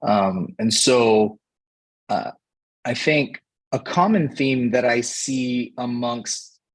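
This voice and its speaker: A man in his thirties from Hawaii, a cheer coach, talking casually in an interview and pausing often to find his words. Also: medium pitch, poor audio. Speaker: cheer coach, podcast guest.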